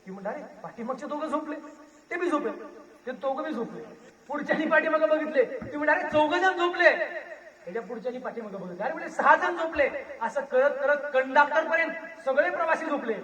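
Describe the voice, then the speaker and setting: A man from Maharashtra giving a rousing public lecture on history, a storytelling orator with a booming delivery. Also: lively intonation, fast, fairly bright tone, lo-fi sound. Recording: echoey hall, voice far from mic.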